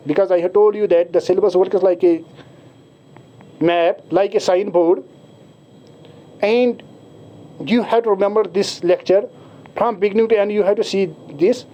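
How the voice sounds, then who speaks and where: A male teacher with a Kashmiri accent explaining an exam syllabus to his students, switching into slow, deliberate English at times. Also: sits high, dark tone. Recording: dull lo-fi recording.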